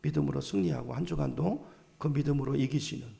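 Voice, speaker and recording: A man preaching in a high, gravelly voice that carries a long church reverb. He keeps putting questions to his congregation and drives his points home with emphatic exhortation. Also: quick pace, mellow. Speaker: pastor. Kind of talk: sermon. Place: church sanctuary.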